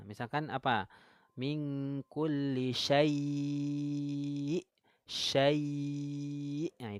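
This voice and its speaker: A man's voice: fairly high pitch, dry recording. Man teaching recitation, dry sound. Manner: explains step by step, drills syllables slowly, asks viewers questions. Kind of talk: online tajwid lesson.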